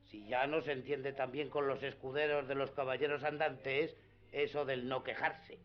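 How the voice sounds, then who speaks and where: An actor playing Sancho Panza, a simple, loyal, anxious peasant squire, with homely, deferential speech in a radio play. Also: male voice, mid-range voice, steady tone, normal speed, a little hiss or hum, natural voice. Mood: plaintive. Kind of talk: radio theatre acting. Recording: dull lo-fi radio drama with music.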